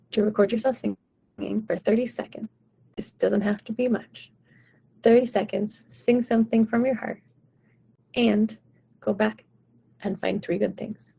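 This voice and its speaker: A woman vocal coach talks to viewers in a live-streamed session, encouraging and conversational. Her voice is husky with a gravelly edge. Its tone is mellow and dark. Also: mid-range voice, poor audio. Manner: conversational, often checking in with "right?"; encouraging and upbeat.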